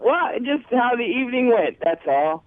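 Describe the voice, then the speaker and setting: Man, phone caller, high voice, sheepish, laughing storyteller, tinny phone line. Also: sing-song, moderate pace. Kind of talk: phone call on a radio show.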